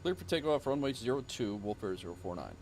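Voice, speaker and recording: A man's voice: medium pitch, big pitch swings, fast, a little mellow, a little hiss or hum. A man making clipped pilot radio calls into a cockpit headset microphone, using aviation phrasing. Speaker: virtual airline pilot streamer. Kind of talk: flight-sim radio calls. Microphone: headset mic.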